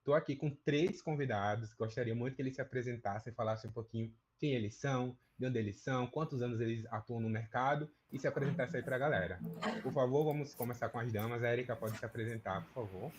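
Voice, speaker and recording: A man's voice: mid-range voice, fast. Upbeat male webinar host. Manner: upbeat, promotional. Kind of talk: hosting a live webinar.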